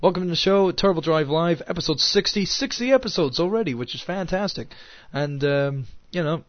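A man's voice: fairly high pitch, animated, dry recording, highs cut off. Sick Scottish man with a sore throat. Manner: rambling, halting, wry and sarcastic. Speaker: radio show host. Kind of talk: casual solo podcast chat. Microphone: headset.

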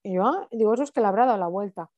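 A woman in her thirties with a Spanish accent from Spain, casually telling a personal story and acting out the dialogue with a lively, blunt manner. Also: mid-range voice, rapid-fire, no room sound.

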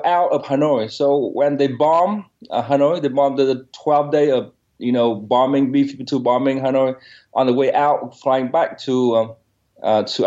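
A man's voice: mid-range voice, darkish tone, muffled recording. A man in his forties from northern Vietnam with a Vietnamese accent, an interview guest earnestly recounting his past, often repeating words as he searches for them. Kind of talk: storytelling in an interview.

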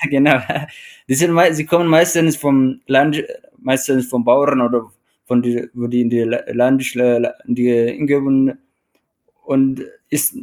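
A man from Eritrea, a mountain runner being interviewed informally, speaks slowly with a flat delivery and a darkish tone in a mid-range voice. His Eritrean accent is present, and he often stops and restarts as he searches for the right words.

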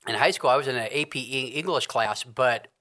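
Bright-voiced rambling man. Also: medium pitch, brisk. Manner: rambling storyteller, self-correcting with many restarts. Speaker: podcast co-host. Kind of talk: casual chat.

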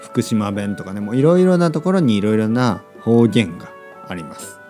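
A man hosting a podcast and explaining things slowly and clearly for learners, in simple phrasing with frequent tag questions. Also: fairly low pitch, lively intonation, dark tone, faint music behind. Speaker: podcast host teaching Japanese.

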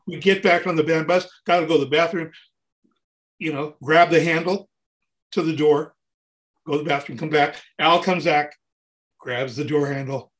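The touring keyboard player, a man in his sixties, speaks at normal speed in a voice on the high side, pausing often. He's lively in this casual interview, talking at length and restarting sentences along the way.

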